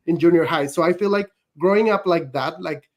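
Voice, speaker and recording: A man's voice: on the high side, a little fast, darkish tone. A man chatting as a podcast guest. He rambles through his story, leaning on "like" between thoughts. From northern Mexico. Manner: rambling, heavy use of "like". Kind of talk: casual chat.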